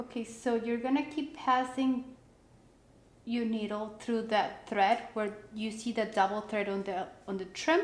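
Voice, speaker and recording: A woman giving a casual step-by-step craft tutorial, talking in a relaxed way with many fillers and restarts. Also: medium pitch. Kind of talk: casual how-to instruction. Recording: echoey room with faint background noise.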